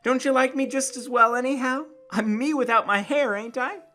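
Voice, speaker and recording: A man's voice: extremely high pitch, steady tone, moderate pace, bright, forceful tone, voice pushed up. A man voicing a tender, eager young wife in a dramatic story reading. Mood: pleading, earnest.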